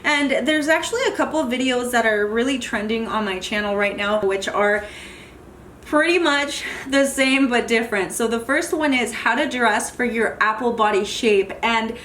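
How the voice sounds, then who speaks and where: Woman vlogger, home workout corner, relaxed and chatty, light background hiss. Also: fairly high pitch, normal speed. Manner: chatty, loose and friendly, with many fillers. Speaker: fitness vlogger. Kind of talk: casual vlog tour of home workout gear.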